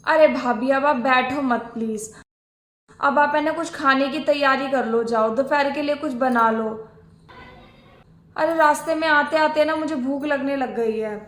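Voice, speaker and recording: In a homemade family skit, a woman plays a bossy, demanding married sister-in-law who complains and issues orders. Her high voice is fairly bright and a little slow, heard in an echoey room.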